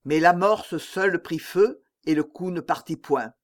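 A man narrating an audiobook in a steady, dramatic storytelling manner. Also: on the high side, a little slow. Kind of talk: scripted narration.

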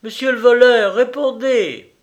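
A man's voice: a little high, lively intonation, unhurried, echoey room, voice pushed up. A man voicing the elder of two sisters, a teasing, bossy young woman who mocks a hidden stranger, in a storybook reading. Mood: mocking.

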